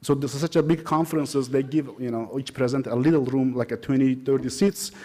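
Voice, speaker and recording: Mellow-voiced Kurdish-accented man presenting. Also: medium pitch, steady tone. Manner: halting, non-native English phrasing. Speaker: academic conference presenter. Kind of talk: informal conference presentation with personal anecdotes.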